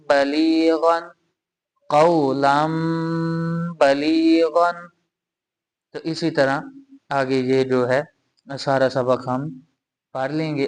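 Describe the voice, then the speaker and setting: Slow, patient male Quran teacher. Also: medium pitch. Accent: Urdu-speaking Pakistani. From Pakistan. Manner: slow, patient, repeats and spells out sounds. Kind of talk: step-by-step tajweed lesson.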